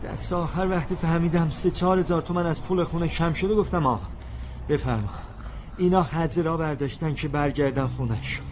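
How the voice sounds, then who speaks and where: Worried middle-aged uncle, played by an actor, high-pitched, agitated and complaining. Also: male voice, fairly even intonation, slight background noise, lightly acted. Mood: exasperated. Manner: agitated, complaining, calls out loudly. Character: anxious exasperated uncle, weary from travel. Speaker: uncle searching for the children.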